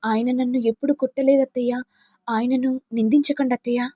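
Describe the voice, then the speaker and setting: A woman's voice: a little high, fairly even intonation, a little fast, dark tone, no room sound, highs cut off, close to an everyday voice. A woman voicing a tearful, devoted young wife in an audio story, speaking in a pleading tone.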